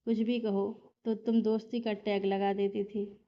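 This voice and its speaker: A woman's voice: medium pitch, little pitch movement, measured pace, natural voice. A woman reading the lines of an easygoing young man, bewildered and pleading. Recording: slightly dull lo-fi recording.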